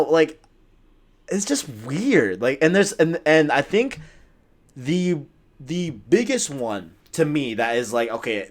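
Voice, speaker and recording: A man co-hosting a casual gaming podcast, talking animatedly in long runs full of "like" and "right?". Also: a little high. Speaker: podcast co-host.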